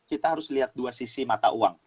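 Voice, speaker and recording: A man's voice: medium pitch, fast talker, a little mellow, slightly rough, low-quality recording. A man from Sumatra teaching in a casual talk show, explaining like a preacher, repeating phrases and laughing as he goes. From Sumatra, Indonesia. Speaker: guest youth speaker.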